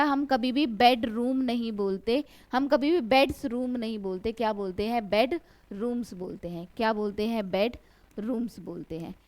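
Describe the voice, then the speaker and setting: A woman teaches English grammar in a fairly high voice. She asks a question and then answers it herself, drawing each example word out slowly. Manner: stretches out example words slowly. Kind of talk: classroom lecture.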